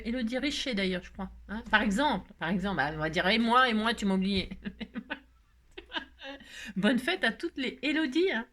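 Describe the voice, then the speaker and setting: A middle-aged woman chatting playfully while making crafts, rambling with jokes and little asides. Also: on the high side. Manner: playful rambling, jokes, laughs, hums snatches of song. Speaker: crafting vlogger. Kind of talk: chatty crafting tutorial talk.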